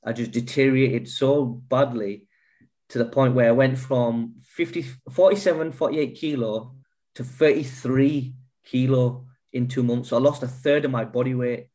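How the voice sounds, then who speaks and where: A man's voice: medium pitch, fairly even intonation, moderate pace, mellow. Earnest man telling his story. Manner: earnest, swears freely, many restarts. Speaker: guest. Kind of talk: candid personal storytelling.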